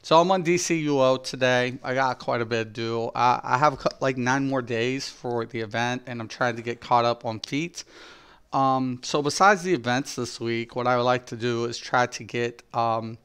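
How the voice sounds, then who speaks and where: A man's voice: mid-range voice, fairly even intonation, moderate pace, fairly bright tone, clean tone. Man with a numb-from-the-dentist, slightly slurred mouth. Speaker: host of an online gaming channel. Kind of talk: casual livestream chat while gaming.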